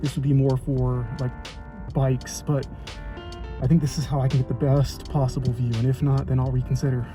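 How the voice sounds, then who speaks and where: A man's voice: medium pitch, level tone, normal speed. Man chatting casually over music. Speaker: car vlogger. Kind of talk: casual vlog chat.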